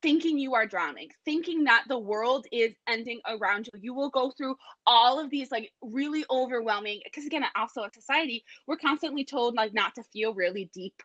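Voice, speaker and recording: A woman confidence coach talking casually in an interview, animated and acting out little voices in her stories, with some swearing. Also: on the high side, fairly quick, hardly any pauses, dry recording, dull audio.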